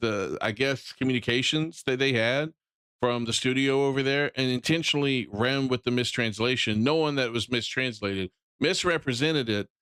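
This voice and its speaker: This man from the Southern United States has a Southern American accent and a mid-range, slightly bright voice, recorded clean in a studio with no room sound. He's live-streaming reaction commentary, ranting bluntly about games and often repeating or restarting phrases.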